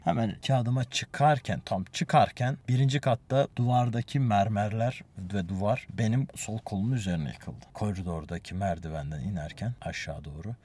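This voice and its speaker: A man's voice: on the low side, darkish tone, breathy edge. A young man telling his own story in a casual, emotional way, building in intensity as he relives it.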